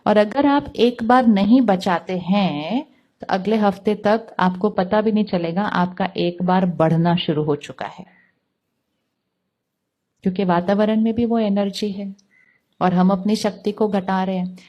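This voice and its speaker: A woman giving a calm spiritual talk, putting questions to her listeners and answering them herself. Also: mid-range voice, measured pace, dull audio. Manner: calm, asks the audience rhetorical questions. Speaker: spiritual teacher.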